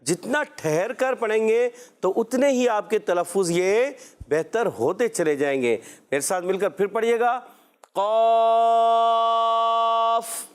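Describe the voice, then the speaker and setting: A man's voice: high voice, expressive, darkish tone, slight background noise. A man teaching children Quran letter pronunciation, patient and encouraging, drawing out each letter sound for them to repeat.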